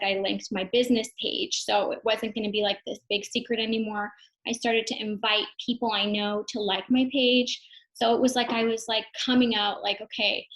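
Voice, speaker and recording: A young woman who is a mother and runs an online business tells her story in a casual, reflective way, full of fillers and restarts. She's a native English speaker with a mid-range, slightly bright voice, and the recording quality is low.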